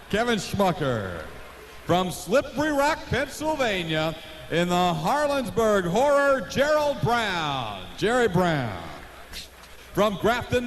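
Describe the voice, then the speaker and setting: A man's voice: high-pitched, a bit bright. An American man working as an arena announcer, presenting competitors like a showman and stretching out their names. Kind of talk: driver introductions at a tractor pull show. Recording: echoey, noisy live arena PA.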